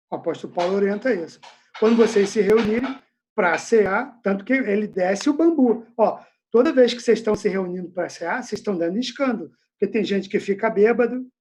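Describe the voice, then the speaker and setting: A man's voice: high-pitched, a little mellow. A male pastor leading an informal Bible study question-and-answer session over a video call from home, talking in a casual, slangy, conversational way.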